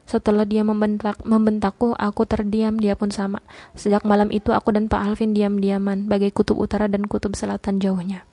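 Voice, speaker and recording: Female narrator and channel host; expressive first-person novel reading, mellow tone. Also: mid-range voice, fairly quick, no room sound. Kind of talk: reading her own novel aloud.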